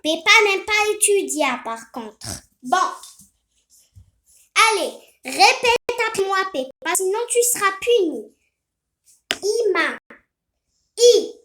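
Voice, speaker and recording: A child playing teacher, patiently explaining how to write a letter and often pausing to think mid-sentence. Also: very high voice, very animated, sharp tone, slight background noise. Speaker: pretend teacher. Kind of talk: playful home lesson on writing letters.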